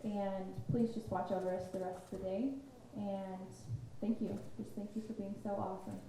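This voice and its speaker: A woman's voice: medium pitch, level tone, moderate pace, dark tone, very echoey, distant mic, a little hiss or hum, low-quality recording. A woman, the bride, leading an earnest spoken prayer with small halts and fillers. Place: wedding venue.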